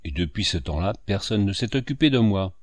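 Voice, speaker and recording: A man's voice: fairly low pitch, animated, brisk, no room sound, clean studio sound, close to an everyday voice. A man voicing a frightened sixteen-year-old peddler boy, timid and pleading. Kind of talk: audiobook character reading.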